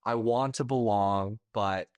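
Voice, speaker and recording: Low-voiced man, candid podcast guest. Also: slow, clear, resonant tone, no echo. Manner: candid, searching, a little emotional. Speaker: podcast guest, party coach.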